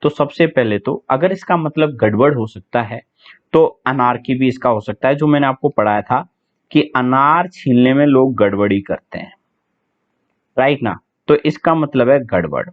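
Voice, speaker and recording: A man's voice: medium pitch, expressive, normal speed. Guy teaching english vocab, chatty, spells stuff out letter by letter, sounds tinny like a phone. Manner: chatty, asks students questions, spells words letter by letter. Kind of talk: online exam-prep vocabulary lesson.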